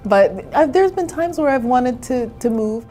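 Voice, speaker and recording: A woman's voice: a little high, lively intonation, takes it slowly, dark tone, faint music behind. A woman in her forties from Canada, a therapist and entrepreneur, telling her own story in a candid, chatty interview. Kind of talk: personal interview.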